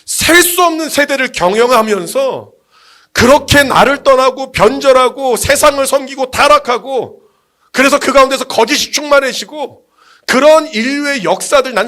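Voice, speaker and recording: Man voicing God, grieving divine father, sermon, earnest, sorrowful, very high voice. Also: normal speed, pushed and bright, full character voice. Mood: grieving, pleading.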